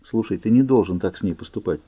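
A calm young female vampire, as a male reader puts her on, speaking quietly and evenly. His voice stays dark and the sound is muffled and dry. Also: fairly low pitch, quick pace, husky, no echo. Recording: muffled lo-fi recording.

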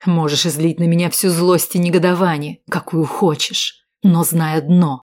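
A woman's voice: lowish voice, steady tone, moderate pace, a little mellow, close to an everyday voice. Woman doing a gloating villainous man. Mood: menacing. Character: cruel possessive man, menacing villain.

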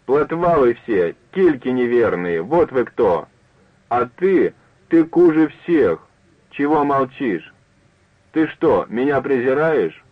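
Man voicing a drunken bitter woman, thin breaking voice, higher than his own, barking orders, narrow dry radio sound. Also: sing-song, takes it slowly, slightly rough, full character voice. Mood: scornful. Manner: shouting commands, accusing. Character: drunk disfigured woman, bitter and tearful, bossing men. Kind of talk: radio story reading. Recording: narrow phone-like dry broadcast.

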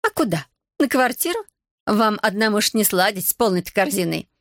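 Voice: mid-range voice, animated, brisk, a bit bright, no echo, studio quality. A reader voicing a cheeky, brash young village woman. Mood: teasing.

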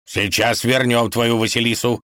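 A man's voice: mid-range voice, level tone, normal speed, fairly bright tone, no echo, studio quality, close to an everyday voice. A man reading a fairy tale aloud and voicing a fussy, bossy old tsar. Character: fussy older male tsar, bossy but kindly.

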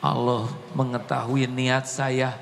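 A man voicing a pious, calm father who patiently instructs his son. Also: medium pitch, slow pace, gravelly, a little hiss or hum. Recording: echoey hall, faint ambience.

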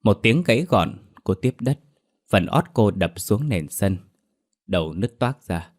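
Deep-voiced man narrating horror. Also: expressive, measured pace. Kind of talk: scripted horror story narration.

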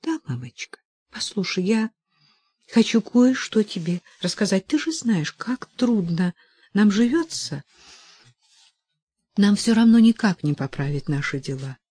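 A woman's voice: medium pitch, animated, a little slow, long pauses, mellow, husky, no room sound, pitched above the performer's own voice. Woman reading as a hesitant young woman.

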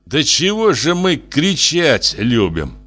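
A man's voice: fairly high pitch, huge pitch swings, slow pace, fairly bright tone, voice pushed up, full character voice. A man voicing a grumbling drunk bald brute. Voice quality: whiny, sulky grumbling.

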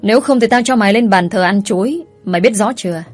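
A woman reading a story, voicing a tough, hot-tempered young man who talks loud and threatening. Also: medium pitch, fast talker, faint music behind, lightly acted.

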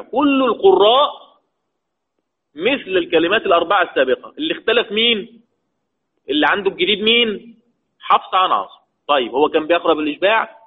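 A man with an Egyptian accent teaching Quran recitation rules, asking the class questions and answering them himself, drawing out key terms slowly. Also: on the high side, breathy edge. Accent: Egyptian Arabic. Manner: slow, drawn-out stress on key terms. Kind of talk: lecture mixing colloquial and formal Arabic. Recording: tinny phone-like lo-fi audio.

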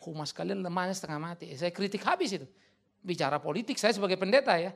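A male pastor preaching in a blunt, colloquial, emphatic way, taking questions from the audience and breaking into sudden loud outbursts. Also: high voice, quick pace, vocal fry.

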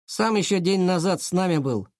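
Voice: medium pitch, expressive, normal speed, a little mellow, dry recording, clean studio sound, close to an everyday voice. Reader as a curt, cold schoolboy. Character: cool-headed schoolboy detective.

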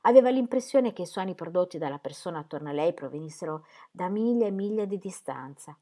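A woman reading a novel aloud in a measured, expressive way. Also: lowish voice. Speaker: audiobook reader.

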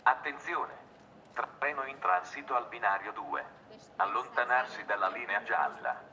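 A man giving formal, clipped train station announcements over a station loudspeaker. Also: lowish voice, lively intonation, measured pace, dull audio. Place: outdoor railway platform. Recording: loudspeaker with clear background noise.

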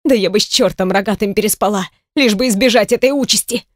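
A woman voicing a desperate older sister who cannot walk, pleading in a shrill, hoarse voice in an audiobook. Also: fast talker, no echo, studio quality, close to an everyday voice. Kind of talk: audiobook character voice.

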